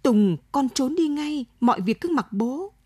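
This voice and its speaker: A woman's voice: high-pitched, expressive, unhurried, darkish tone, husky, dry recording, pitched above the performer's own voice, exaggerated voice. A woman voicing a desperate old father. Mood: pleading. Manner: begging, then hard and resolute. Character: elderly rural father, desperate and pleading.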